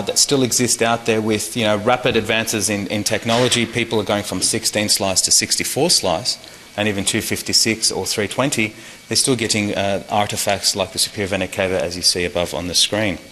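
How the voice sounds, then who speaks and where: An Australian man gives an academic medical presentation in a conference hall, explaining informally and addressing listeners directly. His lowish voice is bright and forceful, recorded with hall reverb and faint noise.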